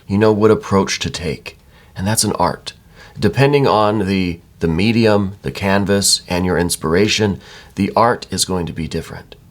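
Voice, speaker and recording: A man giving a conversational, reassuring tarot reading in the manner of a psychic hotline, speaking directly to the listener. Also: deep voice. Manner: reassuring, addresses listener directly, frequent check-in tags. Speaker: tarot card reader.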